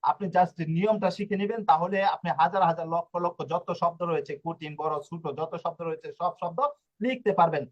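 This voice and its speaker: A man teaches Italian letters to Bengali speakers, going over each letter again and again and often stopping to ask "ঠিক আছে?" to make sure they follow. His voice is fairly high, steady and a little fast, and the audio sounds dull.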